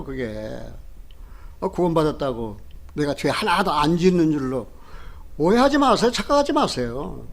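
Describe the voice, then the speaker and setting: A man preaching a sermon as pastor, moving from quiet, low retelling and pleading prayers to loud exhortation, with rhetorical questions.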